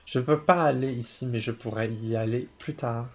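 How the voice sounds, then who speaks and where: A man's voice: medium pitch, normal speed, a little mellow. A man playing a video game while chatting casually and stopping to explain words for language learners, often correcting himself. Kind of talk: casual gameplay commentary for learners.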